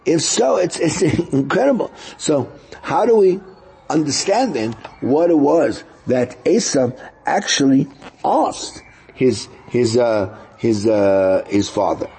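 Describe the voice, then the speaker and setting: Male rabbi for a scripture lecture; mellow but creaky, husky tone, explains haltingly and repeats key phrases. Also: mid-range voice, animated. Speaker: rabbi giving a Torah lesson. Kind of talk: religious lecture, explaining texts.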